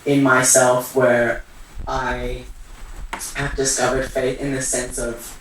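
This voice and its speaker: A man's voice: mid-range voice, flat delivery, slow pace, fairly bright tone, a little hiss or hum. A young man from Iran sharing personal thoughts at a community talk, hesitant and searching for words with many fillers. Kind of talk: open share at a community event. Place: theatre hall. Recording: echoey hall from far off.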